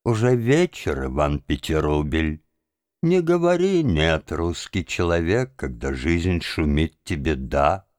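A man voicing a solemn old man in an audiobook story, speaking in a soft, mournful, sinking tone. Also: extremely low pitch, big pitch swings, takes it slowly, dry recording, studio quality, voice pushed down, full character voice.

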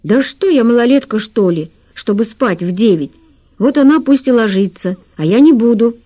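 A woman's voice: fairly high pitch, expressive, moderate pace, dull audio, voice pushed up. A woman voicing a sulky, defiant young boy who argues back cheekily. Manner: cheeky, argumentative.

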